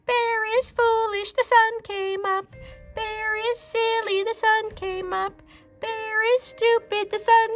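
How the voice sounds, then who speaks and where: A woman voicing a cheeky little male squirrel, high and chirping. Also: measured pace, bright, forceful tone, soft background music, heavily acted. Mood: gleeful.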